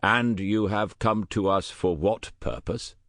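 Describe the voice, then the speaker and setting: A man's voice: on the low side, slow pace, fairly bright tone, no echo. A man voicing a shrewd, rotund British colonel in his sixties with a faint Scottish trace, asking clipped, dry questions in an audiobook. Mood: dry probing. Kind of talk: audiobook character voice.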